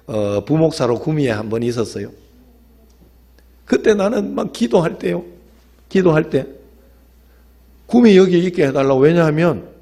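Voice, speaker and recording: In a church sanctuary, a male pastor from Korea's Gyeongsang region gives an evening sermon in Gyeongsang Korean. His mid-range voice is warm as he tells stories and makes emphatic appeals to the congregation.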